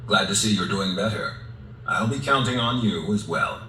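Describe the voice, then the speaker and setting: A man voicing a grave, composed director in a video game, speaking formally and deliberately in measured phrases. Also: on the low side, a little hiss or hum. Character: grave, composed male director of a secret organization. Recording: roomy, distant sound under loud music.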